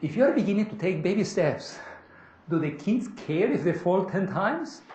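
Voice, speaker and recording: A man's voice: high-pitched, normal speed. Peruvian-accented man leading a seminar. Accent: Peruvian Spanish. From Peru. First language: Spanish. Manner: animated, asks the room, often tags "correct?". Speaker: workshop leader. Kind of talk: interactive seminar teaching. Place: seminar room. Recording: echoey room, faint noise.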